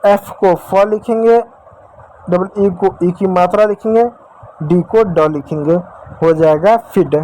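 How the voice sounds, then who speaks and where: A man's voice: high-pitched, slow, warm tone, a little hiss or hum, rough recording. Man drilling phonics with repeated questions. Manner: repetitive question-and-answer drilling, addresses viewers as dear children. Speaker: English teacher. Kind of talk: Hindi-medium English phonics lesson.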